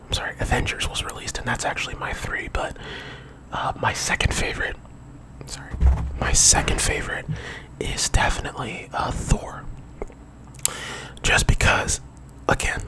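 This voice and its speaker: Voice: mid-range voice, poor audio. A young adult whispering a casual, rambling ASMR monologue that wanders off on digressions. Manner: whispering throughout. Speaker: ASMR video creator.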